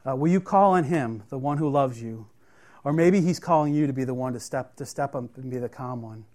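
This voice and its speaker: A male preacher giving a sermon in a plain, conversational voice. He reads the scripture passages aloud, then explains them with lots of pauses, fillers and restarts. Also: medium pitch, a little mellow. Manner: plain-spoken, halting, many fillers and restarts.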